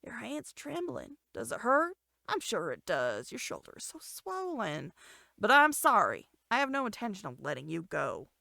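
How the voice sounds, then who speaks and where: A cold, possessive young man from a romance game speaks low and controlled, his threats quiet and even, as a woman acts him out. The voice carries a gravelly edge and sits close and dry on the mic. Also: normal speed, no echo, heavily acted. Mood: menacing. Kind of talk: game dialogue voice acting.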